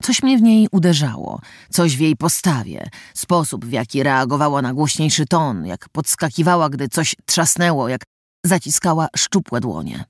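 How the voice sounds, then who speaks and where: A man narrating a first-person audiobook in an expressive, dramatic reading style, recorded on a close studio mic. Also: on the high side, normal speed, dry recording.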